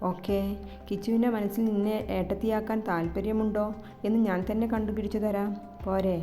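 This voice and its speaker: A woman voicing a young man who is a gentle, teasing lover, speaking softly and playfully in an audio story. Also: medium pitch, flat delivery, fairly quick, faint music behind, close to an everyday voice. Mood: tender teasing. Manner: soft, playful and affectionate.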